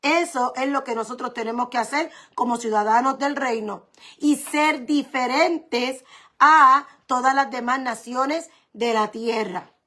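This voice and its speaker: High bright-voiced woman pastor preaching slowly. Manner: preaching with emphatic repetition and rhetorical questions. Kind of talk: sermon.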